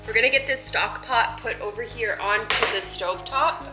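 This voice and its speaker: A woman's voice: a little high, moderate pace, echoey room, over music, rough recording. A woman chatting casually in her home kitchen, explaining her cooking plans step by step and laughing lightly now and then. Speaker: homesteading cooking vlogger. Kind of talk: casual kitchen vlog narration.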